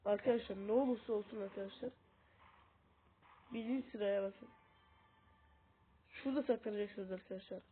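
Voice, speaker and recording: A woman's voice: medium pitch, steady tone, normal speed, long pauses, husky. A woman who is sick, chatting casually to her viewers as she plays and teaches a mobile game, speaking into a tablet's mic. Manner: chatty, keeps calling out to viewers as friends. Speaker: gaming video host. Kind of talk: casual gameplay commentary. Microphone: tablet's built-in mic. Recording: tinny lo-fi tablet audio with faint hiss.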